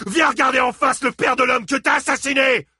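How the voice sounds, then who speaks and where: A man's voice: very high voice, steady tone, fairly quick, pushed and bright, breathy edge, no room sound, shouting, clean studio sound, voice pushed up, heavily acted. A furious grieving father. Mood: raging shouts. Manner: bellowing threats and insults. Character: enraged grieving father, rough middle-aged man.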